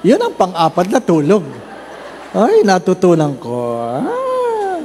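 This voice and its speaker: A man, a priest giving a recollection sermon, who tells humorous stories, asks the congregation rhetorical questions and slowly lists the works of mercy. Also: sits high, huge pitch swings, mellow, long reverb tail, slight background noise. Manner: slow emphatic listing of works of mercy.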